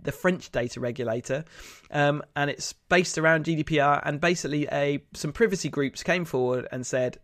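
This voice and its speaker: A man's voice: on the high side, normal speed, a bit bright, no room sound, clean studio sound. Nasal, congested man hosting a podcast. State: bunged up with a cold. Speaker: podcast host. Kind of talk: casual news discussion podcast.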